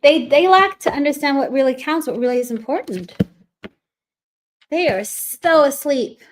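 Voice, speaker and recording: A woman's voice: high-pitched, animated, moderate pace. A woman giving a casual tarot reading, thinking aloud and trailing off between cards. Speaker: tarot reader.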